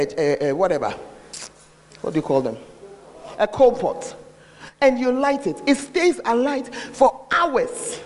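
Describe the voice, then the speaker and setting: A man with a Ghanaian accent preaching a sermon, scolding and questioning listeners directly, his voice slightly muffled by a face mask. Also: extremely high pitch. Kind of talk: sermon to a congregation. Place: large reverberant church. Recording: long hall reverb.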